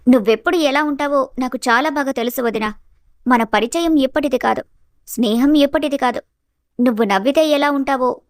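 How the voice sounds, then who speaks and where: A woman doing a gentle, caring young sister-in-law. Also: high-pitched, no room sound, clean studio sound, lightly acted. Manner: gentle, coaxing. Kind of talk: animated storybook voice acting.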